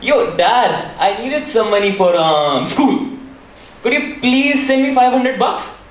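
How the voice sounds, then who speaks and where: A man's voice: very high-pitched, animated, takes it slowly, heavily acted. A man playing a carefree teenage son in a school stage play, casual and coaxing. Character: carefree teenage son asking dad for money. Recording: echoey hall from far off, faint noise.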